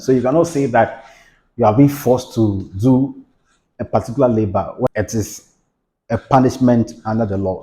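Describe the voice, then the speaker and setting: A Ghanaian legal educator lectures to camera about legal rights, patiently explaining and repeating his points with everyday examples. His voice is medium-pitched and warm, though the audio quality is poor.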